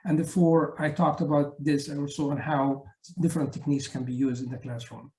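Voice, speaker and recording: A man's voice: fairly high pitch, flat delivery, fairly quick, dark tone, reverberant, low-quality recording. A middle-aged man from Egypt, giving a conference presentation on teaching, hesitant with many fillers. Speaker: education researcher presenting his book chapter.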